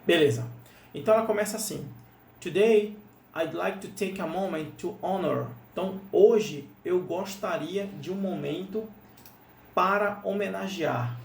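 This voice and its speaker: A Brazilian man whose voice sits high speaks a little slowly with vocal fry and a Brazilian Portuguese accent. He patiently teaches an English lesson as a screen-share walkthrough, repeating things and asking "né?" often. The recording is roomy, with a slightly distant mic and faint noise.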